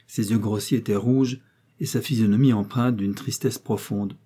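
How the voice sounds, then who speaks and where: A man reading a classic novel aloud as an audiobook narrator, in a measured storytelling manner. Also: on the low side, steady tone, dark tone, breathy edge. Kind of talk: scripted narration.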